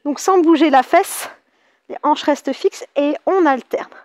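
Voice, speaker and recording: A woman's voice: high voice, measured pace, darkish tone, dry recording, clean studio sound. A French woman with a French accent leading a Pilates class, cheerful and chatty, counting out the reps. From France. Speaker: Pilates instructor. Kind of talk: guided exercise class.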